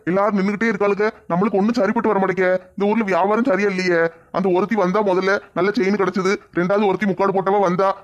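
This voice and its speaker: A man playing a sly sandal seller who snatches chains, muttering quick asides. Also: high-pitched, lo-fi sound, lightly acted.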